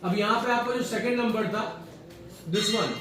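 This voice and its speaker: Male lecturer, high voice, Hindi-English code-switching, distant mic in a boomy classroom. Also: fairly even intonation, measured pace, background noise. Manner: mixes Hindi and English, asks students questions. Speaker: teacher. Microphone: far from the mic. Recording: very echoey room, distant mic, faint ambience.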